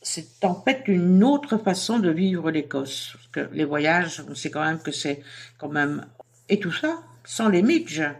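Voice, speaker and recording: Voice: mid-range voice, sing-song, takes it slowly. A speaker who talks casually to camera about a business project, in a chatty and hesitant way with many fillers. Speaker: entrepreneur presenting a themed business project.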